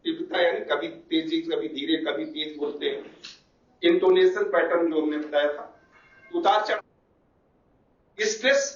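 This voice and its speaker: Guy teacher going over terms again and again, highish voice, far off mic, muffled. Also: steady tone. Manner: explains terms slowly, repeating Hindi equivalents. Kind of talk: classroom lecture. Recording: echoey, distant, muffled room recording.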